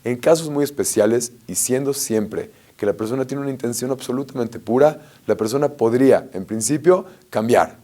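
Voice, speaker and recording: A rabbi giving a lively Torah lesson, telling stories and asking rhetorical questions. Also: male voice, medium pitch, normal speed, hardly any pauses. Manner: animated storyteller, asks rhetorical questions.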